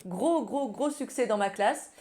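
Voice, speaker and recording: A woman's voice: fairly high pitch, expressive, unhurried, a little mellow. A woman giving a casual ukulele lesson, talking informally and directly to the viewer. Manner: friendly, informal, addresses viewer as tu. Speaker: ukulele teacher. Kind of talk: casual music tutorial. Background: ukulele playing.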